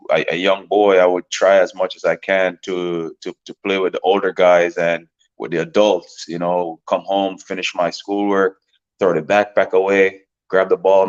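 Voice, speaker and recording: A man in his thirties from Jamaica, a professional soccer player talking casually as a guest, relaxed and rambling with lots of fillers and repeated words. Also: deep voice, dull audio. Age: 30s. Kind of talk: casual interview talk.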